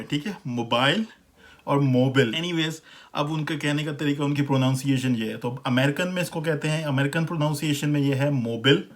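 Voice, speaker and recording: A man from Pakistan with a Pakistani accent, giving a relaxed, conversational pronunciation lesson and repeating words slowly to compare them. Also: on the high side. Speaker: language teacher. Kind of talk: casual explanatory lesson.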